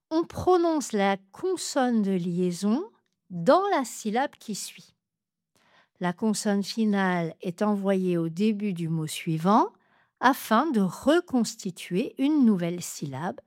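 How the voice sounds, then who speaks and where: A woman gives a pronunciation lesson at an unhurried, measured pace. Her voice sits mid-range and she spells out each example clearly. The sound is dry and close, with no room around it. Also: medium pitch, darkish tone, dry recording. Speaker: French pronunciation teacher. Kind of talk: slow, carefully articulated lesson.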